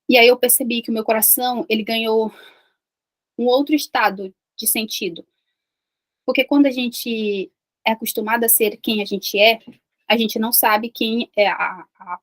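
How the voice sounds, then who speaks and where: A Brazilian woman in her thirties sharing an emotional personal faith testimony with a live online group, repeating herself and confiding. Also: fairly high pitch. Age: 30s. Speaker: online community host.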